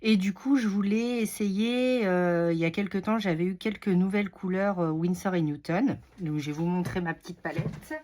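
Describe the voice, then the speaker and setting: A woman's voice: fairly low pitch, steady tone, normal speed, hardly any pauses, a little mellow. A woman talking through her art supplies and collage in a casual craft tutorial, hesitant and full of fillers. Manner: chatty, hesitant with many fillers. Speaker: craft vlogger.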